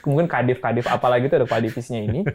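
Male founder, 30s, casual interview storyteller, code-switches, mid pitch. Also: rapid-fire, darkish tone. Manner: mixes English into Indonesian, acts out quoted people. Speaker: startup founder guest.

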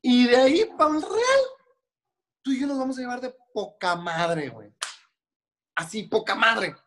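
This man's extremely high, slightly bright voice has lively intonation and a measured pace, with a Mexican Spanish accent. A hair and makeup stylist, he chats through podcast stories, imitating the voices of their characters.

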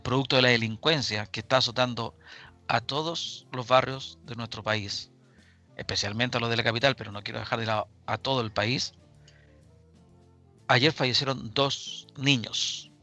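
A man with a Chilean accent hosting a live current-affairs radio show, speaking deliberately with pauses and repeated phrases. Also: medium pitch, fairly even intonation, bright, forceful tone, faint music behind. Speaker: radio talk show host.

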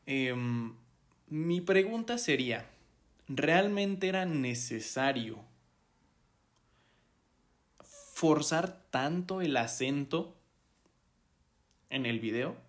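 A man's voice: a little high, lively intonation, very slow, long pauses. A man with a Mexican accent hosting a podcast, talking through the news in a casual, hesitant way, with many fillers and restarts. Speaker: podcast host. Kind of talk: casual solo commentary.

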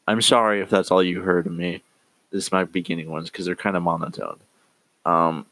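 A man with a very low voice hosts his own podcast from a small room at home. He rambles through an update, doubting himself and often starting sentences over. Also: rough recording. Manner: rambling, self-doubting, with frequent restarts. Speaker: podcast host. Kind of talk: casual solo podcast update.

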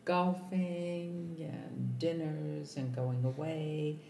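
An older woman with a thick Brooklyn accent talks in a low register. It is a casual family chat, picked up in an echoey room with clear noise behind her. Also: level tone, drawn-out words, warm tone. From Brooklyn, New York. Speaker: podcast guest. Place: kitchen table at home. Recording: roomy echo, noticeable background noise.

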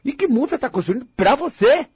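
A Brazilian man lectures with a sharply swinging, restless pitch that climbs high and dives low. His voice is husky and close, in a dry, dead room. He is blunt and provocative, scolding his audience like a tough-love coach. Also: sing-song, a little mellow, dry recording. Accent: Brazilian Portuguese. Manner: mocks listeners' complaints in quick impressions. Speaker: self-help speaker.

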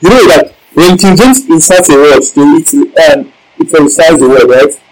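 A man's voice: a little high, normal speed, poor audio. A male preacher giving a Bible-teaching sermon, emphatic, repeating key lines and asking the congregation questions.

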